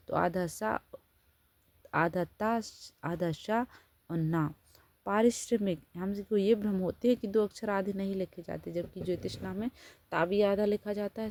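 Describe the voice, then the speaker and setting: A woman teacher with a fairly low, mellow voice gives a spelling lesson. She says each word, then explains and corrects it patiently. The recording is dry and close. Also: no room sound.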